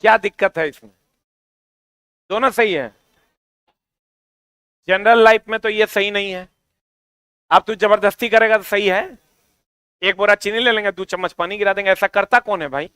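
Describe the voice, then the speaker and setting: High bright-voiced Bihari teacher. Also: male voice, fairly even intonation, normal speed, pauses often, clear, resonant tone, no echo. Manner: chatty, teasing, coaxing students. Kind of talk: online exam-prep class.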